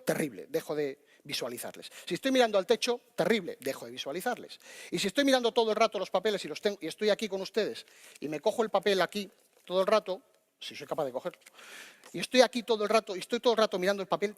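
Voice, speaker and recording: A man giving a lecture on public speaking to an audience, talking to them directly and lively, with many restarts. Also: high-pitched, long reverb tail.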